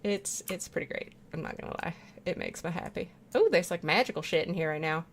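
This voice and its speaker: A female streamer with a lowish, brisk voice chats casually while gaming, rambling, cursing freely and laughing often.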